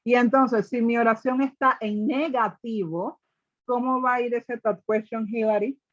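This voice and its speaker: A woman's voice: fairly high pitch, steady tone, unhurried, dry recording. Woman teaching online, dry lo-fi sound. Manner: explains step by step, repeats examples, checks with "¿ok?". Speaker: English teacher. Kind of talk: online class explaining grammar in Spanish and English.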